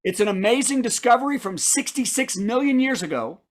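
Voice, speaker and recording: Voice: medium pitch, expressive, a little fast. A comedy host delivering a punchy late-night style monologue, setting up news items and punchlines with asides to the audience.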